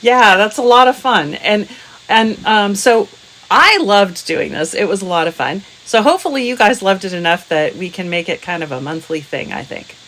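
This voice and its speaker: A woman's voice: medium pitch, animated, moderate pace, a bit bright, poor audio. A woman hosting a crafting show in a casual chat with friends. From US West Coast.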